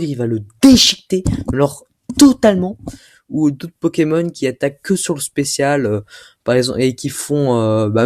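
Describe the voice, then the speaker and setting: A man's voice: medium pitch, warm tone, no room sound, studio quality. A young man talking through a game strategy tutorial, hesitant, with many filler sounds and restarts. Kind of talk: casual gameplay tutorial commentary.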